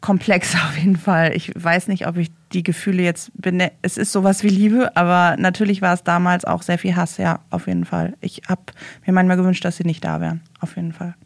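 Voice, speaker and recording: A young woman speaking as a guest, telling a personal story in a halting way and searching for words. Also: on the low side, flat delivery, creaky, dry recording.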